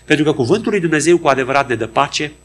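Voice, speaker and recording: A man preaching a sermon in a fairly high, very lively voice. He swings his pitch widely and acts out quoted dialogue in changing voices. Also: soft background music.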